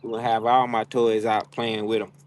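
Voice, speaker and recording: A man's voice: lowish voice, level tone, a little fast, slight background noise. A man in his fifties chatting casually on a livestream, rambling and laid-back with many fillers. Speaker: livestream host.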